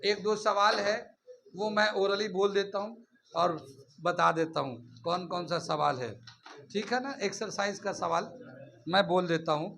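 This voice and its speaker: A man gives a classroom physics lecture in a high, light voice. He explains step by step, mixing in English technical terms and often checking that his students follow. A faint noise sits under the recording. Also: measured pace, vocal fry, pushed and bright. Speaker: physics teacher.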